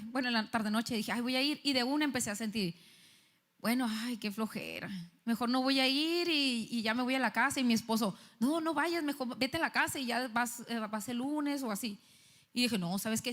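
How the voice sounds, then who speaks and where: Woman preaching in a reverberant church hall. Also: fairly high pitch. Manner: animated storytelling, acting out dialogue. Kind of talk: sermon with personal story. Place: church stage.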